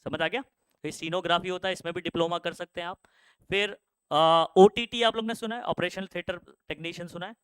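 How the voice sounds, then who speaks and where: A man's voice: high voice, steady tone, a little fast, fairly bright tone, clean tone, no room sound. A young male teacher gives a casual classroom talk on career options, often checking that students follow. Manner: conversational, asks the class frequent check questions; casual, with frequent fillers. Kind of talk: classroom career guidance lecture.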